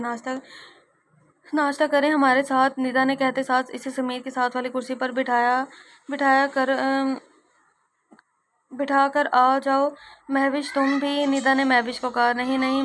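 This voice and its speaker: A woman's voice: high-pitched, fairly bright tone, slight background noise. A woman reading a romance novel aloud as an audio story, giving all the characters her own voice, with frequent slips and self-corrections.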